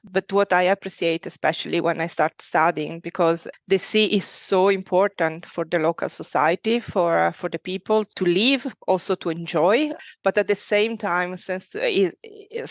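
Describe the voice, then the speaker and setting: A woman's voice: fairly low pitch, unhurried, dry recording, highs cut off. A woman from Italy with an Italian accent, a project coordinator who is a guest on a podcast interview and talks thoughtfully, often stopping to search for words. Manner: thoughtful, with frequent fillers and restarts.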